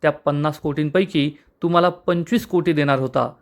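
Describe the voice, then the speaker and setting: A man voicing an angry middle-aged aunt while retelling a TV serial episode, scolding in a sharp manner. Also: a little high, moderate pace, natural voice.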